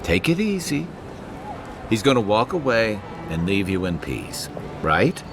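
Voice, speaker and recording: An actor playing a calm, dryly reassuring companion in a video game. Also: male voice, fairly low pitch, measured pace, over music. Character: calm, wry male adventurer companion.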